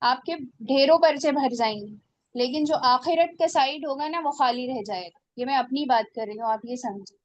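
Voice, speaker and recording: A woman's voice: high voice, moderate pace, dull audio, a little hiss or hum. A woman teaching a religious class on Quran recitation, earnest and exhorting her students.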